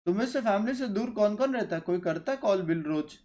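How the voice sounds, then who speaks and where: A man's voice: high voice, animated, fairly quick, darkish tone. A young man with an Indian accent, hosting a game watch-party stream and joking with his viewers in casual chat, slipping English phrases into his talk. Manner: chatty and joking, mixes English into Hindi.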